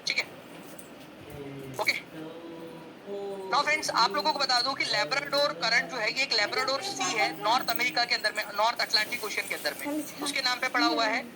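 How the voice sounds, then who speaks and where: A man's voice: very high-pitched, moderate pace, pauses often, a crowd in the background, rough recording. A male coaching teacher giving an exam-prep lecture, explaining step by step and checking in with the class again and again.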